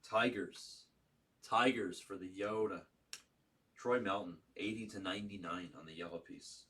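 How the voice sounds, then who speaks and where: A man's voice: low voice, fairly even intonation, measured pace, bright, forceful tone. A man working as a card break host, giving casual running commentary and calling out names and serial numbers in short bursts. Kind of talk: casual running commentary while opening trading cards. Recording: distant mic with faint background noise.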